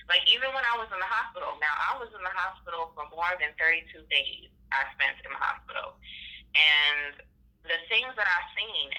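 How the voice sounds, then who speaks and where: Woman, 30s, low and very bright voice, casual storyteller, heard over a phone-like line. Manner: animated storytelling, acting out what others said. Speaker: guest, nurse. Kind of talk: casual conversation on a live stream.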